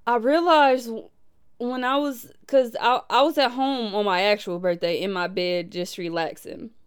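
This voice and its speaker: A woman in her twenties from Milwaukee, hosting a podcast in a casual, animated way and laughing often. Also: fairly high pitch, measured pace, smooth. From Milwaukee, USA. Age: 20s. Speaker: podcast host. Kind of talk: casual reflective podcast talk.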